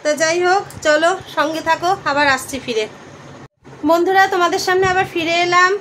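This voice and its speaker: High-voiced chatty woman vlogging at home. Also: a little fast, a bit bright, a little hiss or hum. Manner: chatty, addresses viewers as friends, coos at pet. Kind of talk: casual home vlog narration. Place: home, indoors.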